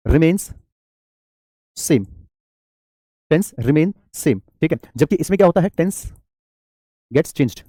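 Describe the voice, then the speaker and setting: A man's voice: fairly high pitch, mellow, dry recording, studio quality. A man teaching an English grammar lesson in a classroom-style lecture. He asks his own questions, answers them, and calls the students "child" affectionately.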